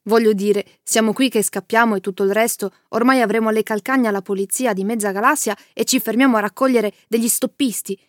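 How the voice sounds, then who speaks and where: Woman reading brash male space captain, fast talk, dry close sound. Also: a little high, fairly even intonation, dry recording, lightly acted. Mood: exasperated.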